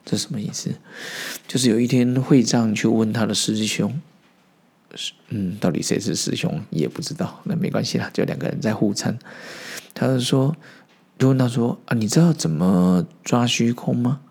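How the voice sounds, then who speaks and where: A man's voice: medium pitch, moderate pace, darkish tone, husky. A man hosting a podcast, giving a casual Buddhist teaching talk, chatty asides and acted quotes. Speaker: podcast host.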